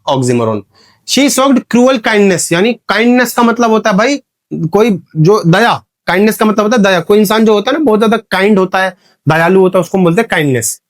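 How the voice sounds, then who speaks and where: A man teaching English grammar in an exam-prep lesson. He asks the students questions and answers them himself, and he reads the examples slowly while sounding out the letters. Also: high-pitched, lively intonation. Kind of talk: exam-prep classroom lecture.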